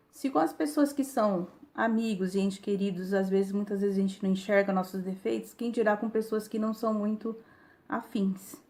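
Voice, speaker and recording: A woman's voice: mid-range voice, a little mellow. A woman with a Brazilian Portuguese accent giving a reflective spiritist lecture, teaching and reading passages aloud. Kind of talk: recorded religious talk.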